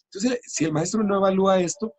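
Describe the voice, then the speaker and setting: A man's voice: sits high, wildly swooping pitch, quick pace, a little mellow, no room sound. A middle-aged man, a teacher trainer explaining classroom practice patiently in an interview.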